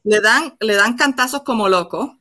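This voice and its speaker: Sassy woman cohosting a podcast, bright voice, blunt and cheeky. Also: on the high side, normal speed, no echo, studio quality. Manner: sassy, blunt, switches into English. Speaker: podcast co-host. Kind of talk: raunchy casual chat.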